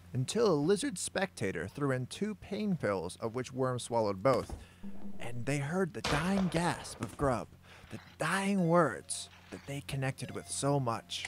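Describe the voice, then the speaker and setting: A man's voice: medium pitch, big pitch swings, a little slow, background noise. Man narrating with mock-dramatic flair. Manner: grandiose phrasing mixed with casual swearing. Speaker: narrator of a gameplay story.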